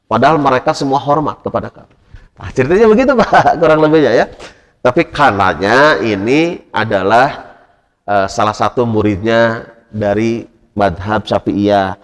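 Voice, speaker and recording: A man preaching a storytelling sermon, animated, full of rhetorical questions to his listeners. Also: medium pitch, moderate pace, pauses often. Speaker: Islamic preacher. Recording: long hall reverb.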